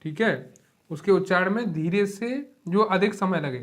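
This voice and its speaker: Casting note: male teacher in an exam-prep lecture, patient, repetitive, drags vowels out to demonstrate them. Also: high-pitched. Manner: explains slowly, repeats key terms and keeps saying "ठीक है". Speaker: Hindi teacher.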